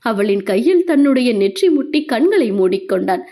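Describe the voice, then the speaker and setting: Expressive high-voiced woman narrating a novel. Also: moderate pace. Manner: expressive, emotional storytelling. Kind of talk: audiobook novel reading.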